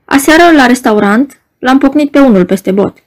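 A man's voice: very high-pitched, lively intonation. A woman reading an audiobook, voicing a young male poet who talks bluntly and sheepishly. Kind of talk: audiobook character voice.

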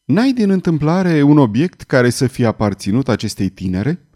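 A man's voice: big pitch swings, warm tone. A man voicing a grim, menacing swordsman. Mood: brooding. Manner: stern, low and menacing. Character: brooding vengeful swordsman, grim and proud.

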